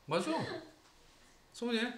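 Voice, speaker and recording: A man's voice: a little slow, fairly bright tone, slight background noise. A man with a Gyeongsang accent teaching a grammar lesson to a small class, quizzing students and teasing them as he goes. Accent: Gyeongsang Korean. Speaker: English teacher. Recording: roomy classroom echo.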